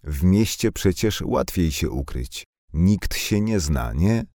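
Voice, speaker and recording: A man's voice: deep voice, animated, slow pace, warm tone, no room sound, clean studio sound, exaggerated voice. A man voicing a talkative, blunt young village woman with slangy, impulsive speech. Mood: chatty.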